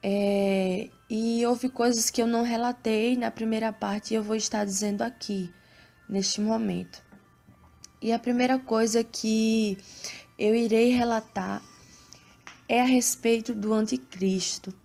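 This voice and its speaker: A woman with a Brazilian Portuguese accent reading scripture and giving a spiritual testimony in a slow, solemn, measured way. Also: a little high, creaky, dark tone. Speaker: evangelical preacher.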